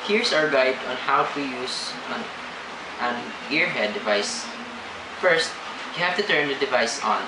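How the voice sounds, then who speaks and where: A young man acting as a polite male call center agent delivers stilted, halting script lines. The room is echoey and a loud noise runs behind the voice. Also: medium pitch, lively intonation, close to an everyday voice. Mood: polite, instructing. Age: young adult. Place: small indoor room.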